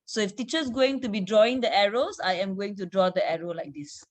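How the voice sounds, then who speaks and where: A woman chemistry teacher with a medium-pitched voice runs an online revision class. She quizzes her students briskly and says "okay" often.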